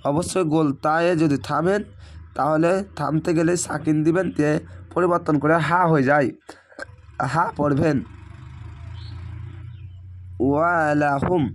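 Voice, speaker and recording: A hoarse man teaching Quran reading, spelling out letters and vowel marks syllable by syllable in a patient lesson. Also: on the high side.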